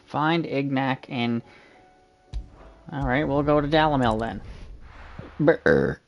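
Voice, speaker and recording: A man's voice: mid-range voice, a little slow, lo-fi sound, faint music behind. A man streaming a video game, giving casual, mumbling commentary and swearing now and then.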